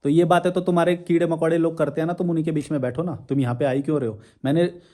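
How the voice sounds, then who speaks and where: A man's voice: fairly high pitch, fairly even intonation, racing, mellow. A man hosting his own channel, answering viewer comments in a combative, sarcastic, scolding rant. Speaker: YouTube channel host. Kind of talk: ranting reply to viewer comments.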